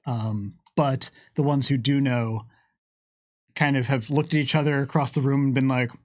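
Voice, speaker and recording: A man hosts a livestream of casual game lore Q&A, answering viewer questions in a wry, musing manner with playful asides. His voice is medium-pitched and darkish, with fairly even intonation and normal speed, captured at studio quality with no room sound.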